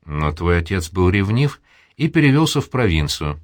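A man's voice: low-pitched, sing-song, normal speed, no room sound, clean studio sound. A man voicing a vain, scheming middle-aged colonel's widow who talks grandly and condescendingly. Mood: condescending, dreamy. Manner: grand, condescending, theatrical sighs.

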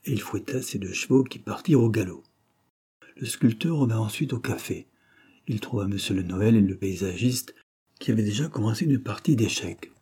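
Low husky-voiced man reading a novel. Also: normal speed, mellow. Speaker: audiobook reader. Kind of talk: scripted narration of a novel.

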